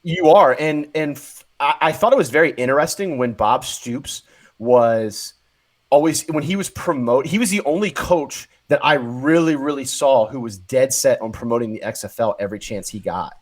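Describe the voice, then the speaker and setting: A man's voice: mid-range voice, animated. Man, sports podcast, mid-range voice, agreeable, video call. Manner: agreeable, quick to back others up. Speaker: podcast co-host. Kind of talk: casual sports chat.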